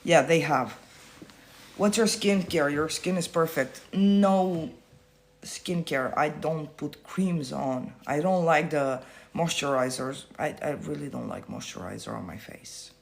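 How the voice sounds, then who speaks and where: On his phone livestream, the manifestation coach replies bluntly and casually to viewers, swearing often and repeating things for emphasis. His creaky voice is on the high side, and he doesn't rush.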